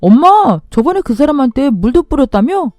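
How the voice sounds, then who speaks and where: A man's voice: extremely high pitch, animated, brisk, a little mellow, dry recording, clean studio sound, soft background music. A woman voicing an angry grown son who raises his voice to accuse his mother. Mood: accusing.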